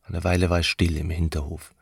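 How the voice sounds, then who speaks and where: Deep gravelly male audiobook narrator. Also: flat delivery, fairly quick, no echo, clean studio sound. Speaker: audiobook reader. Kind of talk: scripted narration.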